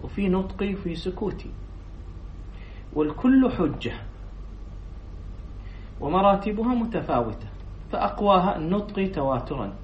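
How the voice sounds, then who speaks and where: A sheikh reads from a text to his class, explaining the lines and questioning students before repeating their answers. His high-sitting voice swings widely in pitch at normal speed, with long pauses. The recording is echoey and dull from a distant mic, with faint noise.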